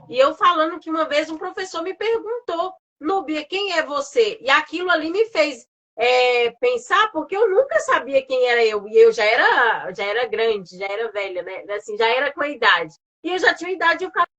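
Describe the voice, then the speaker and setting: Woman host of a faith talk, sincere personal stories, high, bright tone. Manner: earnest personal storytelling. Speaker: host of a live stream. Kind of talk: casual faith-based talk.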